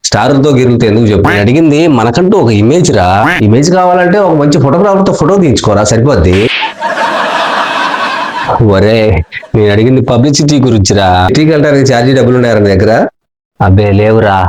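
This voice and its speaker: A man trading quick jokes in a comic question-and-answer skit, teasing with punchline replies. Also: medium pitch, expressive, darkish tone. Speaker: comedian.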